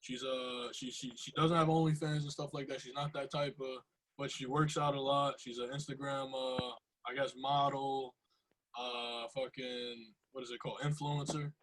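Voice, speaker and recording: A man's voice: medium pitch, flat delivery, normal speed, noisy background. A young man hosting a podcast in casual, slangy conversation, repeating phrases for emphasis. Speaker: podcast host.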